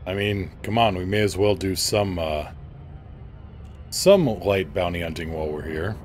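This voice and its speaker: On a live game stream, a man with a low voice chats casually with viewers at a moderate pace, reading their names aloud as he answers. He's joking and playful, with faint music in the background.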